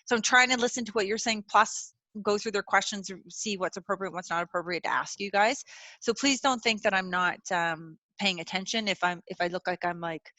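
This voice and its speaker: A woman's voice: medium pitch, fairly quick, bright, forceful tone, no room sound. A woman hosting a webinar over a video call, chatting casually and reassuringly, with lots of "like" and "you know". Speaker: webinar host. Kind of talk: casual chat.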